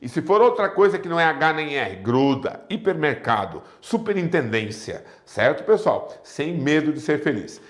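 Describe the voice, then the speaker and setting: A man with a Brazilian Portuguese accent teaching a lively exam-prep grammar lesson, often asking rhetorical questions. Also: on the high side, normal speed, hardly any pauses.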